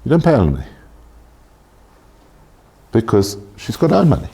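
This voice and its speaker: Blunt joking tax lecturer. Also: male voice, medium pitch, huge pitch swings, normal speed, creaky, dark tone. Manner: blunt, joking, swears casually. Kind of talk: informal lecture to a class.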